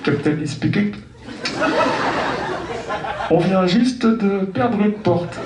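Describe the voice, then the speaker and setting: A man's voice: high voice, slow pace, over a noisy crowd, heavy background noise. A stand-up comedian putting on a male airline captain making an unbothered, mock-reassuring cabin announcement. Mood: calmly reassuring. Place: comedy venue with a live audience. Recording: roomy stage sound, mic at a distance, audience laughter.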